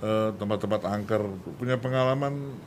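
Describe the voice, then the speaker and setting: A woman's voice: very deep voice, normal speed, a little mellow, slight background noise. A woman hosting a casual podcast, asking curious short questions. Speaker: host.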